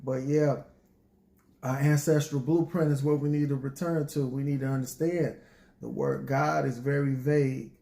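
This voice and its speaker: A man with a mellow, dark voice at a middle pitch talks informally to his listeners. He is reflective and folksy, with a bit of a preacher's manner. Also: level tone, moderate pace, creaky. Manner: folksy, preacherly, often addresses listeners as y'all. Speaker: poet addressing an audience.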